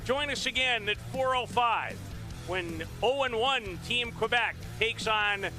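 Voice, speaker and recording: Very bright, high-pitched sports announcer, male. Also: slow, soft background music. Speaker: play-by-play announcer in the booth. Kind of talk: broadcast sports sign-off commentary.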